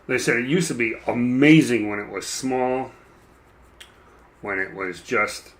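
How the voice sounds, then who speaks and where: A man chatting casually while he paints a miniature, rambling and self-deprecating, with a dry, froggy throat that he keeps clearing. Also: medium pitch, measured pace, a bit bright, a little hiss or hum. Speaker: mini painting streamer.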